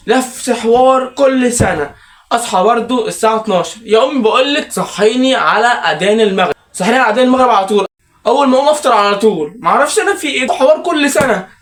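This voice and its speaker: A man's voice: very high voice, expressive, very fast, a bit bright. A young man with an Egyptian Arabic accent, acting out a comedy sketch in an exasperated, complaining manner. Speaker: comedy vlogger.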